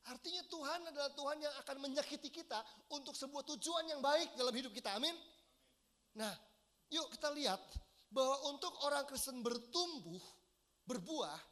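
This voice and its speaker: A man's voice: extremely high pitch, animated, normal speed, sharp tone. A man in his thirties preaching a sermon as pastor, earnest and addressing the congregation directly with questions. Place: large church hall.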